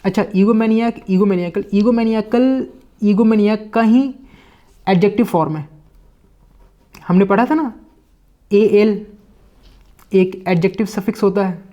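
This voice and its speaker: A man with an Indian English accent teaching vocabulary, reading English lines slowly and then explaining in Hindi with many fillers. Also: high-pitched, mellow, highs cut off. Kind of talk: Hindi-English lesson explaining a book line by line.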